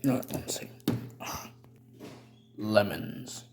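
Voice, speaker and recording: A man's voice: drawn-out words, darkish tone, a little hiss or hum. A man playing a rambling, stammering middle-aged chemist cook in a comedic how-to tutorial. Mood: dry, instructive. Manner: rambling, stammering, self-correcting.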